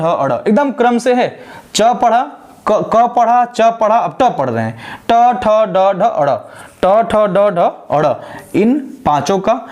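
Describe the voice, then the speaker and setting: High-voiced Hindi teacher drilling sounds. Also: male voice, darkish tone. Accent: Purvanchal Hindi. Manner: emphatic, drills sounds by repeating them slowly. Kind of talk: whiteboard grammar lesson.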